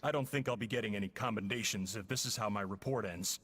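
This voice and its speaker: A man's voice: lowish voice, fast talker, a bit bright, slightly rough. A man playing a smug, menacing artificial agent in a video game, speaking in a mocking, theatrical and formal way.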